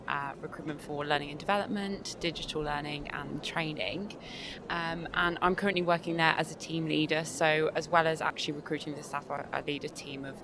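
A woman giving a conversational interview answer as an exhibitor and team leader. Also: low-pitched. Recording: live in noisy busy venue. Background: clear venue noise.

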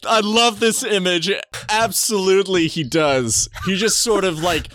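A man's voice: high voice, measured pace, a bit bright, a little hiss or hum. A man playing a tabletop role-playing game, describing his character's actions as improvised storytelling.

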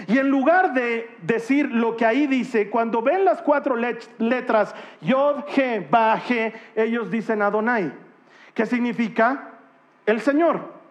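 A man preaching with a high voice, full of rhetorical questions to his listeners. He climbs into bright exclamations, then sinks into hushed, almost whispered passages. The recording sounds dull and muffled. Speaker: pastor. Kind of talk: sermon.

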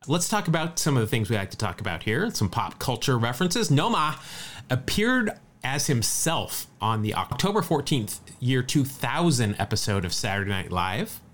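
Talking at normal speed with hardly any pauses, a mid-pitched man co-hosts a laid-back sports podcast. His manner is light and lively as he reels off stat after stat.

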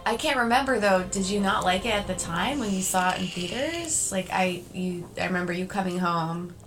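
A woman's voice: medium pitch, animated, normal speed. A woman hosting a podcast, chatting casually, laughing often and asking plain questions. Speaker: podcast host. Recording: music playing under the voice. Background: music.

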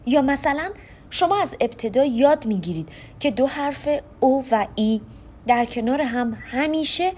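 A woman's voice: on the high side, a little mellow. A woman hosting a podcast lesson on French pronunciation, explaining step by step and talking directly to her listeners. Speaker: podcast host teaching French.

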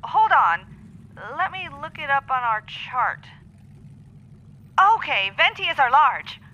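A woman's voice: high voice, sing-song, slow, pushed and bright, highs cut off, exaggerated voice. A woman playing a snippy barista over a drive-thru speaker. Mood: curt. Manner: snippy and condescending. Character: curt, impatient young female coffee barista.

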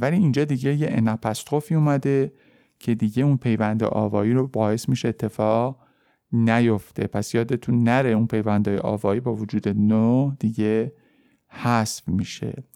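A man teaching French on a podcast, explaining in Persian and saying the French forms slowly and clearly. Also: mid-range voice, dark tone, no room sound, studio quality. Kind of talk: podcast language lesson.

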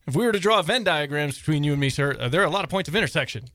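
An American man with a slightly high voice hosts a podcast in an animated, excited way. The talk is casual and upbeat. The sound is dry and close. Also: very fast, no echo. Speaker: podcast host.

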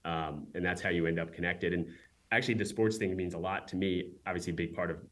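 A man in his forties, a company founder, talking casually as a guest and telling quick stories with many asides. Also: low-pitched, a bit bright. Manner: quick, chatty storyteller with many "right?" asides. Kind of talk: casual interview talk.

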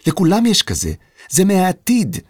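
A man's voice: high voice, wildly swooping pitch, no echo, clean studio sound, voice pushed up, exaggerated voice. A man voicing an impatient, anxious young girl in a children's audio story. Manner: impatient, tense, questioning.

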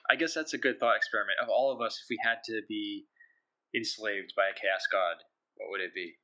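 A man's voice: fairly low pitch, brisk, bright, forceful tone, poor audio. A man in casual discussion with friends as a gaming podcast regular.

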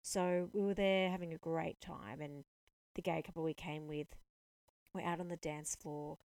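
Podcast host, female, low and gravelly, dry close sound, animated storyteller. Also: normal speed, no echo. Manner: animated, indignant retelling with quoted dialogue. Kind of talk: storytelling monologue.

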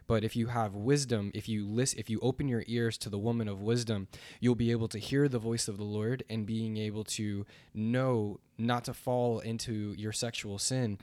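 Young guy telling his faith story, lowish voice, lots of ums, dry sound. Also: a little mellow, dry recording. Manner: earnest, rambling with many fillers and restarts. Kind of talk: casual faith testimony.

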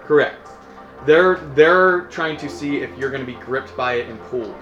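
A man's voice: medium pitch, normal speed, highs cut off. Echoey-voiced man running a tabletop game. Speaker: game master. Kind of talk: improvised tabletop game narration. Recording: echoey room, loud music behind.

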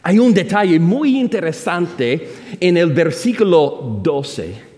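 A man preaching a sermon as a pastor, with emphatic rises and slow, drawn-out phrases. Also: on the high side, expressive, a little mellow. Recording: long hall reverb.

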